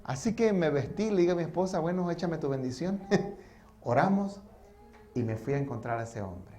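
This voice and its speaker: A male pastor telling a story in a church sermon, swinging between loud and hushed delivery. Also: on the high side, sing-song, moderate pace.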